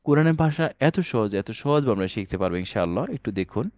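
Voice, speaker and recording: A man's voice: fairly low pitch, lively intonation, fast, a little mellow, no echo, clean studio sound. A man teaching an online Quran reading lesson, addressing viewers as dear brothers and sisters, mixing English words into his speech and calling out letters for them to repeat.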